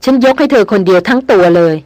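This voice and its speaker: A woman's voice: medium pitch, animated, fast talker, a little mellow, no echo, close to an everyday voice. A woman voices a proud young woman anthropologist in an audiobook. She speaks tartly and scolds her companions. The sound is dry and close. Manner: tart and scolding.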